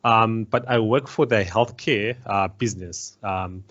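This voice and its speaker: A man from Zimbabwe with a lowish voice describes his work on a career panel, pausing often as he speaks. His voice comes through a dull, lo-fi video call. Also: a bit bright. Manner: halting, many ums and uhs.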